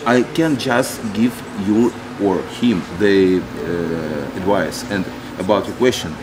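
Earnest low-voiced boxing coach. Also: male voice, noisy background. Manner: halting, searching for words, earnest. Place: open-air boxing gym.

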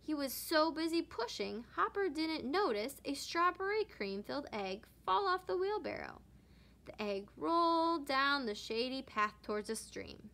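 Woman, teacher, read-aloud storybook, expressive, bright voice. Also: high voice, unhurried. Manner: expressive, animated narration.

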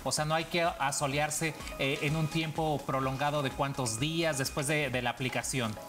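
A man's voice: a little high, fairly even intonation, moderate pace, over music. A man hosting a studio TV interview, asking long, formal questions. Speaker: TV show host. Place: TV studio set.

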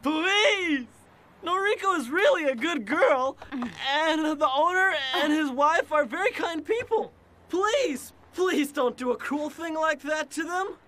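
An actor voicing an earnest young male hero in an animated series, begging desperately to protect others. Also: very high-pitched, slow pace, soft background music, exaggerated voice. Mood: pleading. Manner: pleading, desperate. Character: earnest good-hearted young male drifter. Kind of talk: anime dub acting.

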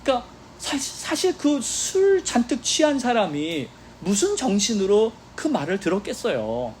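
A man's voice: high-pitched, normal speed, slight background noise. A male pastor preaching a sermon, telling stories with quoted dialogue and calling for responses from the congregation. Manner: animated storytelling preacher with exclamations and quoted dialogue. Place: church sanctuary.

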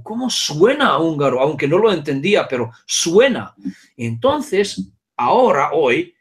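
A man with a Hungarian accent, a native Hungarian speaker, explaining at length in an interview with many asides and checks on his listener. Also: a little high. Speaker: guest speaker.

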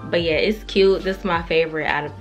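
Speaking quickly in a lowish, steady voice, a young adult woman chats candidly through a clothing try-on in her carpeted bedroom, dropping slang and curse words. Music plays in the background.

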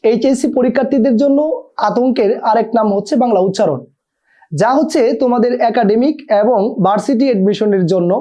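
A man's voice: very high-pitched, warm tone. A male teacher gives an exam-prep lesson and keeps asking students to repeat words back to him. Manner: drills students with repeated call-and-response questions. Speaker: Bangla teacher. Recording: dull lo-fi recording.

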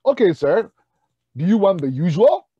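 A man voicing a calm, polite, all-knowing artificial intelligence that takes pizza orders in a joke. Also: sits high, normal speed, husky, no echo, lo-fi sound, voice pushed up, heavily acted.

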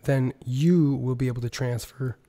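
A man hosts casual gaming commentary with a sore throat. His voice is mid-pitched and very muted in tone, hoarse and strained, at times slipping into a whisper as if nearly gone. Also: steady tone, normal speed, mellow. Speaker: gaming video host. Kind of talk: casual gaming news commentary over screen capture.

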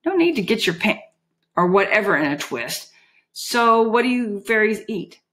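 A woman doing a high, mocking young bodyguard. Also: big pitch swings, normal speed, fairly bright tone. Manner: mocking, breathless, scolding.

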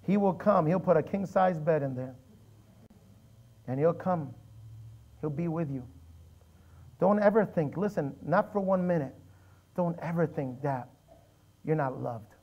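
A man preaching a sermon in a church, with animated storytelling and emphatic repetition. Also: fairly high pitch, unhurried, pauses often, dull audio. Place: church sanctuary.

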